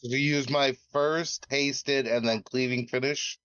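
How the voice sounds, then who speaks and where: A man's voice: mid-range voice, fairly even intonation, measured pace, a bit bright, clean tone. A male player giving short, matter-of-fact calls on his rolls. His voice comes through a dull, lo-fi voice-chat line. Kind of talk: tabletop game talk.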